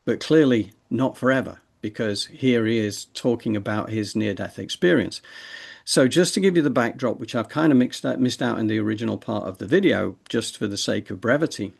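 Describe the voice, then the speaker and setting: A man's voice: mid-range voice, vocal fry, darkish tone. A man hosting a show, talking in a conversational way with hesitations. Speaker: host.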